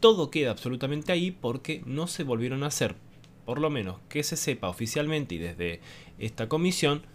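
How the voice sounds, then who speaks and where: Lively man explaining. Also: on the high side, a little hiss or hum. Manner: animated teacherly talk with rhetorical questions. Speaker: host. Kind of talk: explanatory monologue to camera.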